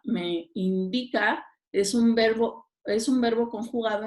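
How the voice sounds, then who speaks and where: A woman teacher walks through exam questions at an unhurried, deliberate pace. Her voice sits at a middle pitch. She reads each item aloud and keeps checking that her listeners follow. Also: a little mellow. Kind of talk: exam review lesson.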